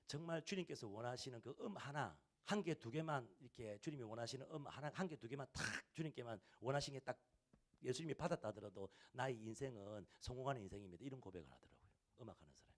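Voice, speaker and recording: A man in the pulpit delivering a sermon, his voice sitting at an ordinary middle pitch. He leans on repeated phrases, pushing some lines loud and letting others drop to a near hush. The delivery is earnest and insistent. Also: expressive, quick pace. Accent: Korean. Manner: repetitive, emphatic preaching with rising and falling volume. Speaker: pastor. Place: church service hall.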